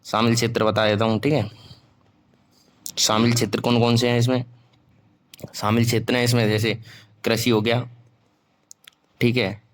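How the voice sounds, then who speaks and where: A man's voice: medium pitch, level tone, moderate pace, pauses often. A young man teaching an online class, dictating notes in a casual way. He mixes Hindi and English, stops to check in after nearly every phrase and corrects his own slips aloud.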